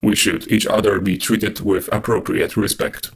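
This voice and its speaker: A sound designer reading short demo lines through a robotic, droid-like voice filter. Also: male voice, on the low side, steady tone, normal speed, slight background noise.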